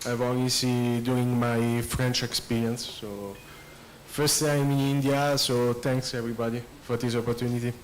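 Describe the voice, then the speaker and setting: A man's voice: medium pitch, level tone, moderate pace, a little hiss or hum, poor audio. A man from Italy, a neurosurgery resident, introducing himself to the group with a hesitant, word-searching manner. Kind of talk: self-introduction.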